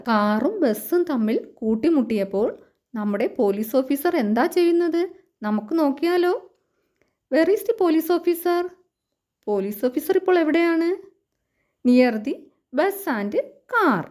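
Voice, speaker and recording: A teacher with a Malayali accent reads a storybook to young children in a sing-song manner, slowing down for the English lines. Her voice is high and a little mellow.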